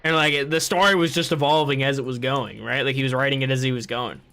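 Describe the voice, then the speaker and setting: A man's voice: medium pitch, fairly even intonation, fast talker, bright, forceful tone, soft background music. A young man hosting a gaming podcast, ranting in casual chat and swearing freely. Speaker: podcast host.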